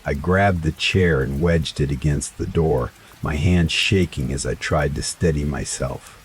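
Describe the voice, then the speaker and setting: A man narrating a first-person horror story in a slow, dramatic scripted style. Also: a bass voice, breathy edge. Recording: faint rain sounds behind voice. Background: rain ambience.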